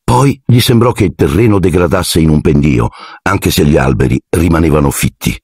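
A man narrating an audiobook in an expressive storytelling manner. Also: very deep voice, normal speed, slightly rough, dry recording, studio quality. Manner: expressive storytelling, shifting into character voices. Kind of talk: scripted narration.

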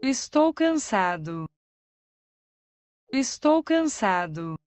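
Woman for a language lesson, high and lively, very slow, careful repeated phrases, dry sound. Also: no echo. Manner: says each phrase twice, carefully.

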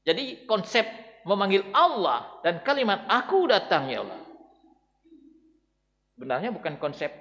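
A man preaching a dawn sermon to a mosque congregation, swinging between loud exhortation and hushed, tender calls. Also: high-pitched, sing-song, normal speed, gravelly, long pauses, in a large hall. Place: large mosque.

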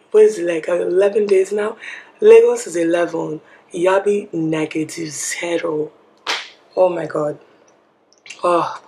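Hoarse, gravelly woman vlogging. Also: fairly low pitch, a little mellow, slight background noise. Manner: chatty, laughing, self-mocking. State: hoarse, losing her voice. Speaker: travel vlogger. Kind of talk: casual vlog talk to camera.

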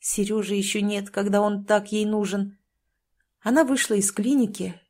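A woman's voice: medium pitch, dark tone. A woman narrating a novel as an audiobook, telling the story expressively.

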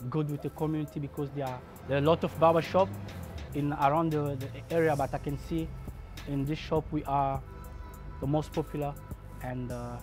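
A man's voice: fairly high pitch, a little mellow. A man in his thirties, a barbershop owner, speaking in a documentary interview in his shop, hesitant with many restarts and fillers. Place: barbershop, indoors.

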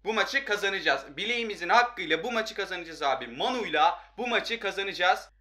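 High, bright-voiced young man gaming. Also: fairly quick. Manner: excitable, frustrated, talks straight to viewers. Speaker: gaming youtuber. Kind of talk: live gameplay commentary.

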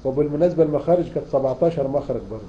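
A man's voice: a little high, racing, lo-fi sound, a little hiss or hum. A man with an Egyptian accent teaching tajweed in an online lecture, asking his students questions and repeating key terms. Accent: Egyptian Arabic. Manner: explains in a questioning, repeating style. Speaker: Quran recitation teacher.

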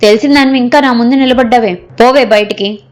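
A woman's voice: mid-range voice, normal speed, close to an everyday voice. A woman voicing an angry young husband who hurls scornful insults at his wife. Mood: furious.

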